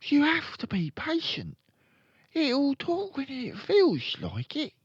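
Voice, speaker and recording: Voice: high voice, huge pitch swings, slow, no echo, dull audio, voice pushed up, full character voice. A narrator voicing a stubborn, boastful six-year-old boy in a storybook. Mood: proud, stubborn.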